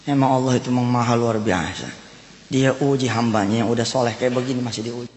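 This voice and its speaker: A man preaching a sermon, telling a story in an animated way and voicing its characters. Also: medium pitch, quick pace. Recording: echoey hall with faint noise.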